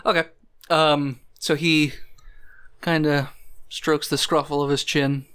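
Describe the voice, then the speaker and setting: A man's voice: a little high, little pitch movement, slow, sharp tone, clear, resonant tone. A man narrating as game master in a casual tabletop game session. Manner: casual, laid-back narration with fillers.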